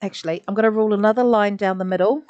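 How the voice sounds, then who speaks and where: A woman's voice: mid-range voice, fairly even intonation, rapid-fire, a little mellow. A woman teaching a live online drawing lesson, chatty and encouraging, making little sound effects as she draws. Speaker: art teacher. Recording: slightly dull lo-fi audio.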